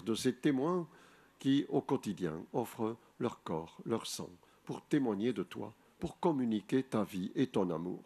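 Older priest, low husky voice, slow measured prayer at an outdoor grotto into a lectern mic. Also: male voice, darkish tone. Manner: slow, measured liturgical recitation. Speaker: priest leading the rosary. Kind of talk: prayer leading and meditation. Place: outdoor rock grotto shrine. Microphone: boom mic on a lectern.

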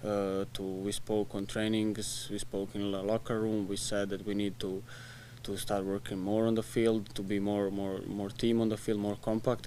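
A young man and soccer player answering questions at a post-match press conference, speaking in short, halting phrases with restarts and soft laughs, into a desk mic in a press room. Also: on the low side, slight background noise. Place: press room in front of a sponsor backdrop. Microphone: desk mic in front of him.

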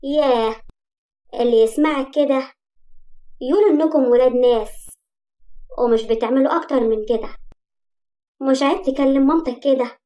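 A woman's voice: high voice, moderate pace, long pauses, close to an everyday voice. A woman with an Egyptian accent voicing a cold, sardonic rich young man in a spoken story. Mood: mocking. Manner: flat, icy delivery.

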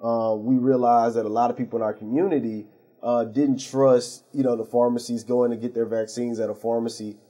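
A man's voice: medium pitch, level tone, fairly quick, warm tone. A man, a pharmacy owner, explaining his services as a guest on a TV interview show, earnest and full of fillers and restarts. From St. Louis area.

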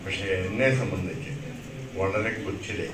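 A man's voice: low voice, steady tone, a little slow. A man gives a personal, reminiscing speech at a family celebration. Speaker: guest speaker. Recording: echoey hall, far from the mic, noise.

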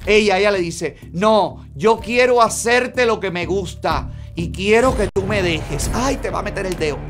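A man hosts a gossip show, reading private messages aloud and reacting with theatrical exclamations. His delivery is flamboyant and dramatic throughout. Faint music plays softly underneath his voice. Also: sits high, a little slow. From Cuba. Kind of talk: reading chats aloud with commentary.

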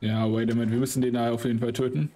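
A man giving excitable, slangy casual commentary while he plays a game, swearing often. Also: mid-range voice, rapid-fire. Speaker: let's play host.

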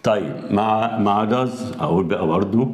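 A man with an Egyptian Arabic accent teaching an English grammar lesson. He poses quiz questions and answers them himself, and spells out English examples slowly. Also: on the low side, reverberant.

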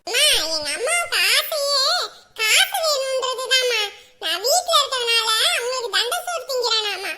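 A man's voice: extremely high pitch, expressive, moderate pace, sharp tone, heavily acted. An actor playing a young jobless village man who complains sulkily about his mother. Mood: sulking. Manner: sulky, complaining. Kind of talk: Tamil web drama acting.

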